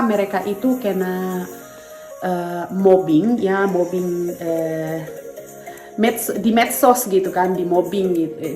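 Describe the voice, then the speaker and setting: A woman's voice: medium pitch, a little mellow. Chatty woman vlogger, roomy sound. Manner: chatty and rambling, full of fillers, addresses viewers as friends. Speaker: vlogger and mother. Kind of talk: casual talk to viewers. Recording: echoey room.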